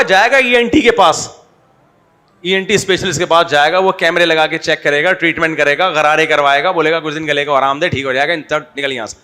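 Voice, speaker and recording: A man giving an informal religious talk with a hoarse voice, blunt and mocking, telling stories with animated swings between loud jabs and low asides. He speaks Urdu with a Pakistani accent. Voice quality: hoarse throat he calls swollen. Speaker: religious scholar.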